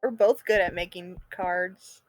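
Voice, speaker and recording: A woman's voice: lowish voice, fairly even intonation, unhurried, faint music behind. A woman streamer chatting casually and enthusiastically while playing a game.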